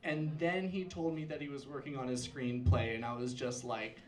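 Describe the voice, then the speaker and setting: A man's voice: mid-range voice, level tone, normal speed, music in the background. Young guy doing campy self-mocking standup, echoey club, kinda far from the mic. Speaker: stand-up comedian. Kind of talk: stand-up set. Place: comedy club. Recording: roomy club sound from far off. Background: audience laughter.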